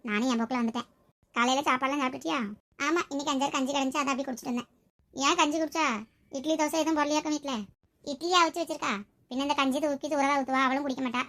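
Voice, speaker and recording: A woman's voice: high voice, fairly bright tone. A woman voicing a chatty, nosy village neighbor who gossips at length.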